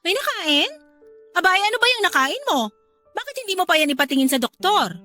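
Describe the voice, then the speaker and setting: Jealous pregnant wife in a radio drama, voice way up high, bright and cutting, sharp accusing tone. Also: female voice, very animated, brisk, faint music behind, heavily acted. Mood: probing. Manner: sharp, confrontational, spiralling into hysterical shouting.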